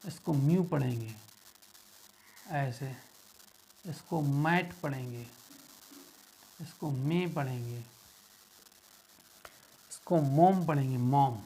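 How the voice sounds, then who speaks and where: Slow, gravelly-voiced teacher. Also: male voice, medium pitch, dark tone. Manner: slow, patient, repeats words for learners. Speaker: English teacher. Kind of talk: beginner English lesson.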